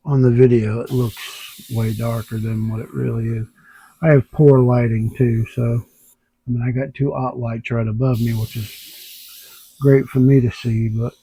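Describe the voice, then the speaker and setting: Recorded on a tablet camera with no echo, a hiccupping airbrush artist thinks aloud and mutters as he works in his home workshop beneath overhead lights. His voice sits in the mid range and sounds creaky, mellow and husky, in casual on-the-job talk.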